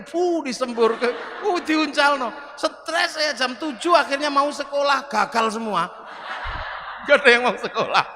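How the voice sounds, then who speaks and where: A middle-aged man giving a humorous sermon, telling stories in an animated way and acting out the voices. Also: very high voice. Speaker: preacher. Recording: reverberant hall, faint background noise.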